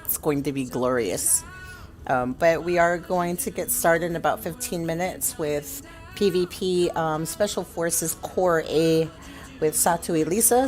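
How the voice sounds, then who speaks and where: A woman's voice: fairly low pitch, darkish tone. A woman game streamer chatting casually on a livestream.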